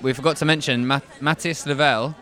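A man's voice: mid-range voice, fairly even intonation, fast, sharp tone. A man with a mid-range voice co-hosts a casual podcast. He tells his stories in a dry, joking way. He is recorded outdoors in an urban setting. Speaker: podcast co-host.

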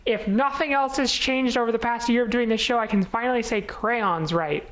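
A woman's voice: a little high, normal speed, fairly bright tone, poor audio. Chatty upbeat woman podcaster. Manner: chatty, upbeat, laughs often. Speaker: podcast co-host. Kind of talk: casual chat. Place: small apartment. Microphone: close podcast mic.

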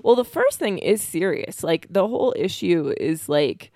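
Woman in her 30s, co-host: low, gravelly, tired, giggly rambling, dry close mic. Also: big pitch swings, unhurried, darkish tone, dry recording. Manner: rambling, giggly, many "like" fillers. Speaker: podcast co-host. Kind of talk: casual chat. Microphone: close studio mic.

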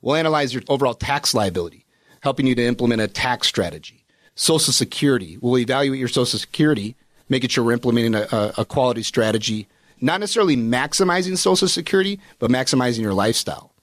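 A man's voice: mid-range voice, expressive, fast talker, no echo. Male financial advisor, casual radio chat, explanatory with filler words, dry close-miked sound. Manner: explanatory, with many "you know" fillers.

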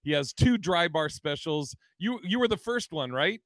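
A man's voice: on the high side, animated, moderate pace, a bit bright, no room sound. A man hosting a comedy podcast with casual, jokey, profane banter.

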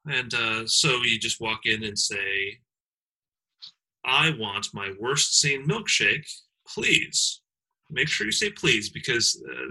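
Rambling male co-host with a husky voice. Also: mid-range voice, sharp tone, poor audio. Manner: rambling, filler-heavy ironic asides. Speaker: podcast co-host. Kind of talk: comedic podcast banter.

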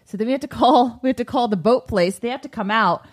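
A woman's voice: fairly high pitch, fast. A woman in her thirties co-hosting a casual chat show, telling stories with acted-out quotes. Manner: animated storyteller, acts out quotes. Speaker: podcast co-host.

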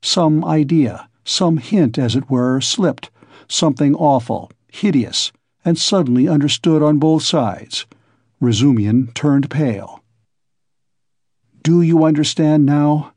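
Mellow-voiced man reading an audiobook. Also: mid-range voice, animated, unhurried, breathy edge, dry recording, clean studio sound. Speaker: audiobook reader. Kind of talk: scripted audiobook narration.

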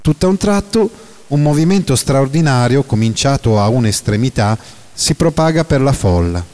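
A man narrating a classic novel in a measured, dramatic reading that slows down for emphasis. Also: mid-range voice, lively intonation, darkish tone.

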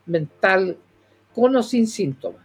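An older woman from southern Chile with a Chilean accent, giving earnest, opinionated conversational commentary to listeners, halting and repeating words as she goes. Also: medium pitch, animated, husky. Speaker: doctor and radio commentator.

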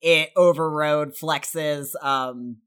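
A woman's voice: deep voice, steady tone, very slow, fairly bright tone, smooth. A woman playing a tabletop game, describing her character with hesitant fillers. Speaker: player. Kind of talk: casual tabletop play.

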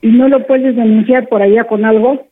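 A woman's voice: a little high, steady tone, normal speed, natural voice. A woman playing a fussy worried mom on the phone. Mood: scolding. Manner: fussy, questioning, scolding. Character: worried older mother on the phone. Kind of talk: radio prank sketch. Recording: dull noisy radio phone line.

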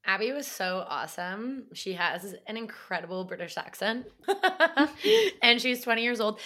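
A woman's voice: medium pitch, normal speed, bright, forceful tone. A woman from Canada co-hosting a sports podcast, chatting casually and bubbly, laughing often. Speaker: podcast co-host.

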